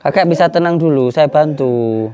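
A man, a spiritual healer calming a distressed person with repeated soothing pleas and murmured prayers. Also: fairly high pitch, normal speed, noisy background. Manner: repetitive, soothing, pleading for calm. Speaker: spiritual healer and channel host.

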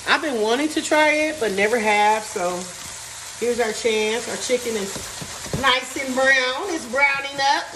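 Speaking a little slowly in a voice on the high side, a woman makes a casual cooking vlog in her home kitchen, musing aloud and reading recipe steps as she goes. A pan sizzles and gets stirred nearby, and the distant mic picks up the echoey room and frying noise.

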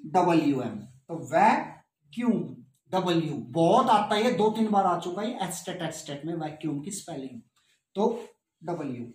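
A woman teaches an English spelling lesson, explaining slowly and spelling words out letter by letter while mixing in Hindi phrases. Her voice is lowish and darkish, with a roomy sound.

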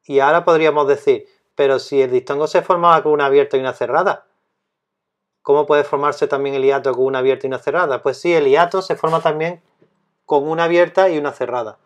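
A man explaining a grammar lesson as a teacher, speaking slowly and deliberately and repeating key terms. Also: a little high, steady tone, highs cut off.

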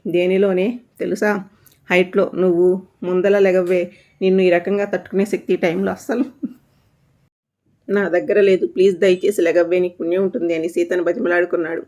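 A woman's voice: fairly low pitch, little pitch movement, brisk, long pauses, dark tone, natural voice. A woman voicing a grumbling middle-aged husband in a spoken storybook, nagging and pleading by turns. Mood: sarcastic pleading.

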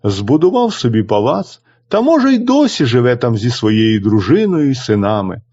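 A man narrating a folk tale for children in an expressive reading style. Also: mid-range voice, moderate pace. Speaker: storyteller. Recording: dull lo-fi recording.

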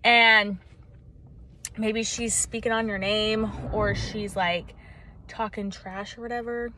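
A young woman vlogging relationship advice outdoors in the mountains, animated and chatty, speaking around braces. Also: mid-range voice, slow, background noise. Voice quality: talks around braces, sucking back saliva. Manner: animated, chatty, lots of fillers. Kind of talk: casual talk to camera. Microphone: camera.

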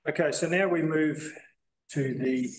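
A man chairing a community board meeting, working through agenda items in a halting, procedural way. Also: on the high side, a little hiss or hum, rough recording. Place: council meeting room.

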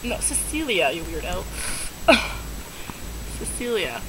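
A woman from Canada chatting casually on a home video, bubbly and given to high sing-song cheers. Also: sing-song, takes it slowly, heavy background noise. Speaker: vlogger. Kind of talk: casual chat.

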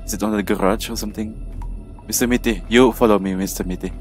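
Deep-voiced man doing joking game commentary. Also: steady tone, fast, soft background music. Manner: jokey, chats to an in-game companion. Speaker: gamer playing a horror game. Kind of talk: let's play commentary.

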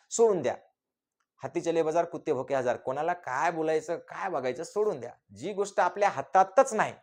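A man from rural Maharashtra giving a brisk motivational talk. He speaks quickly in a somewhat high voice, firing off rhetorical questions and answering each one with emphasis.

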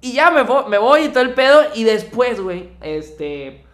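A man's voice: extremely high pitch, sing-song, normal speed, fairly bright tone. A young man with a Mexican Spanish accent, co-hosting a podcast and telling a story in casual, slangy chat, acting out the quotes. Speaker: podcast co-host.

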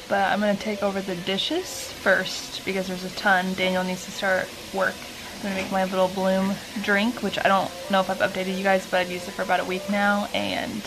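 A woman in her twenties chatting casually to her vlog camera at home as a stay-at-home mom. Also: mid-range voice. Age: 20s. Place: living rooms at home, indoors. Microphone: camera mic, close or handheld. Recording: noisy home recording, household sounds behind.

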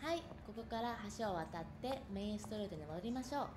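Fast-chatting woman touring shops. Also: medium pitch, expressive, noisy background. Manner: chatty, friendly asides to the viewer. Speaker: vlogger touring an outlet. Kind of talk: casual walking-tour narration. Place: outdoor shopping village. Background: background music.

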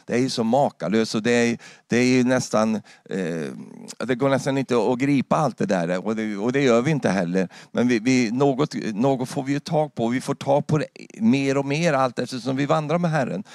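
A man with a Swedish accent preaches a sermon, his voice sitting at a middle pitch. He keeps calling out halleluja and swings up into loud, fervent bursts. The sound is close and dry, with hardly any room around it. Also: dry recording. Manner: exclamatory, repeats halleluja, rises to loud fervent peaks. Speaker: pastor. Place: church.

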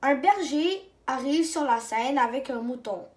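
Slow, high-voiced woman reading a storybook. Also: animated. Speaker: storybook reader. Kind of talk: children's book reading. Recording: roomy echo.

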